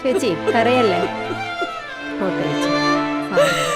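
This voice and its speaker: An actress playing a woman constable who gently soothes a crying mother. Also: a little high, huge pitch swings, measured pace, exaggerated voice. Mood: soothing. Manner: soothing, comforting. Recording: film audio with loud music score.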